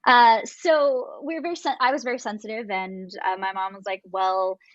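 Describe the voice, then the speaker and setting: A woman's voice: fairly high pitch, steady tone, normal speed, dry recording, highs cut off. Chatty, laughing woman from Los Angeles. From Los Angeles, California. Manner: chatty and self-deprecating, laughing often. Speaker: panelist, actor. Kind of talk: panel discussion storytelling.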